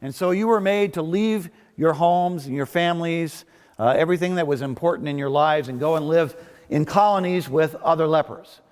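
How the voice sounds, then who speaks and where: A man delivering a sermon as a preacher, in a measured, pausing manner with hesitant restarts. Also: a little high, darkish tone. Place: large reverberant worship space. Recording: long reverb of a large hall.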